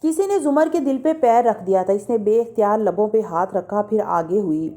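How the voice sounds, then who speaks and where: Woman audiobook narrator, mellow voice, expressive novel reading. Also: mid-range voice. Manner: steady, expressive narration with small restarts.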